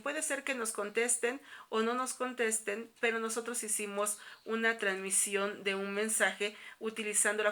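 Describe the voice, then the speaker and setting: A woman's voice: on the high side, sharp tone. A woman teacher with a Mexican accent, explaining a lesson to students in a recorded video, patient and full of examples. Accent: Mexican Spanish.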